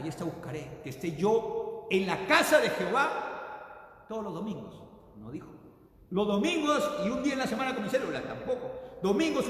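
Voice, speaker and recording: A man preaching a sermon as pastor, swinging between loud bursts and hushed drops, often calling out to his brothers in the congregation. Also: sits high. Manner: repeatedly addresses the congregation as brothers. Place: church sanctuary. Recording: very echoey hall with long reverb.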